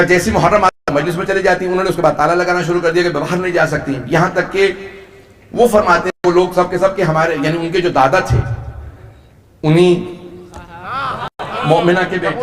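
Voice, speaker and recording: A man preaching a storytelling sermon at a mourning gathering, his throat hoarse, his delivery impassioned and swelling to near-shouts. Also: sits high, a little hiss or hum. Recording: echoey, distant mic in a hall.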